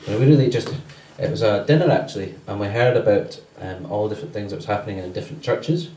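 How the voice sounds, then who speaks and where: A man's voice: lowish voice, fast, dark tone. A man giving the church notices in a loose, conversational way with many ums. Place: church hall. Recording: roomy church sound from a distance.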